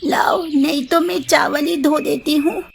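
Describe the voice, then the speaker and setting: Woman voicing a fussy mother-in-law, storybook, suspicious, slow delivery. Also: high-pitched, fairly even intonation, vocal fry, background noise, pitched above the performer's own voice, exaggerated voice. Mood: kindly. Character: watchful fussy mother-in-law, middle-aged. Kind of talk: storybook voice acting.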